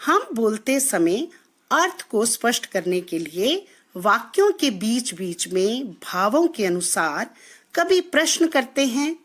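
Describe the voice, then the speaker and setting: A woman teacher giving a classroom lesson, explaining slowly and deliberately and working through example sentences. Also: on the high side.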